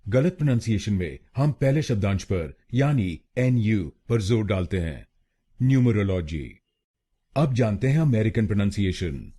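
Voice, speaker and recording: A man's voice: lowish voice, very animated, moderate pace, hardly any pauses, mellow, breathy edge. A man from India narrating a scripted pronunciation tutorial, breaking words into syllables and repeating each one. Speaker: pronunciation teacher.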